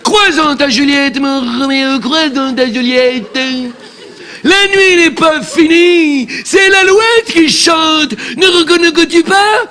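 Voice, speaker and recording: Shrill hammy Juliet, put on by a man. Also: takes it slowly, full character voice. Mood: declaiming. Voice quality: shrill and shouting. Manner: overacted declamation with stammered repeats. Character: shrill hammy Juliet, a clumsy ugly young woman. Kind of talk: stand-up comedy parody. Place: theatre stage, live audience.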